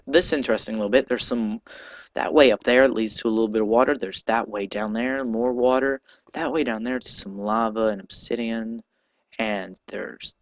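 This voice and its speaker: Rambling man on a dull lo-fi mic. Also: fairly low pitch. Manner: rambling and chatty, with restarts and sleepy yawns. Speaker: gamer narrating his own gameplay. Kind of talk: casual gameplay commentary. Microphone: cheap amateur mic. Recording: dull lo-fi home recording.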